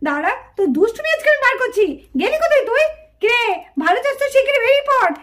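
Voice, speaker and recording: Brief: woman as stern cartoon mum, high voice, scolding and threatening. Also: expressive, fast talker, fairly bright tone. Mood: angry, threatening. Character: strict, angry village mother with a stick. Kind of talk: puppet-show cartoon voice.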